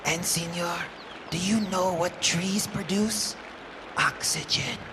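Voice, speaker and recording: Woman doing a low-voiced, earnest porcupine. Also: slow, background noise. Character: whispering, earnest tree porcupine.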